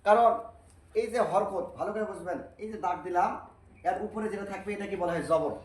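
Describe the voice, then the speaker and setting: High-voiced man teaching Arabic letters. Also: reverberant, slight background noise, rough recording. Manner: repeats drills slowly and patiently, asks and answers own questions. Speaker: Quran teacher. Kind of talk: Arabic reading lesson.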